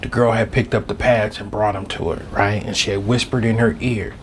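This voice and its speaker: A man hosting a podcast, telling a comedic story and swinging between low muttering and loud outbursts. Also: little pitch movement, fairly quick, a little hiss or hum. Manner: fills his talk with "you know what I'm saying" and "right".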